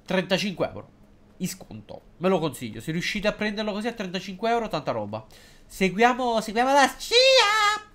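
A man giving casual, excitable and jokey live commentary while streaming a game, hesitant and halting whenever he switches into English. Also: high voice. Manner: excitable and jokey, swings between loud outbursts and mumbling.

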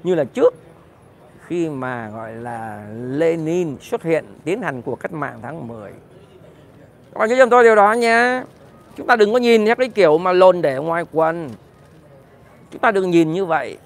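Heated, profane high-voiced man. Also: expressive, normal speed, gravelly. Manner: heated, profane, addresses viewers directly, rises to shouting. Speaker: political commentator. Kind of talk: ranting monologue to viewers.

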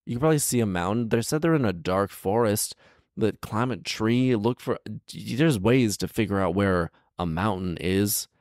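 With his handheld mic held close in a small indoor living room, a man in his thirties hosts a fairy-tale reading punctuated by casual, disbelieving banter. The recording is dry, and his lowish, darkish voice is animated at a moderate pace.

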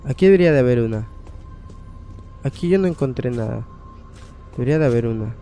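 Man, young adult, gravelly, dark tone, horror game commentary, swearing, loud startled outbursts. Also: medium pitch. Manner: casual, swearing, thinking aloud, loud scared outbursts. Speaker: gaming channel host.

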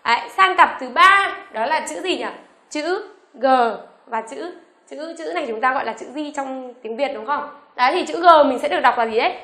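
A woman teaching an online beginners' lesson, asking the class questions and reading each letter slowly for them to repeat. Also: high-pitched, lively intonation, sharp tone, echoey room. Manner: asks the class rhetorical questions; reads letters aloud slowly for repetition. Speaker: English teacher.

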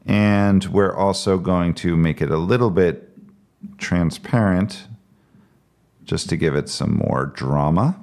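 A man calmly talking step by step through a screen-recorded software tutorial. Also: low voice, takes it slowly, creaky. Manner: calm step-by-step explaining. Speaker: tech tutorial presenter.

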